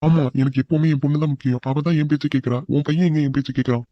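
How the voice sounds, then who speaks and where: A man's voice: fairly high pitch, steady tone, rapid-fire, no room sound, muffled recording, close to an everyday voice. Man voicing a stern scolding cartoon father. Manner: commanding, scolding. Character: stern authoritarian father, quick to anger.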